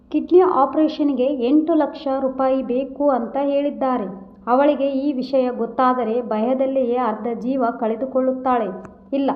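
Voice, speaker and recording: Woman voicing a devoted, self-sacrificing young husband. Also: high voice. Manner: earnest, emotional reading. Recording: dull lo-fi recording.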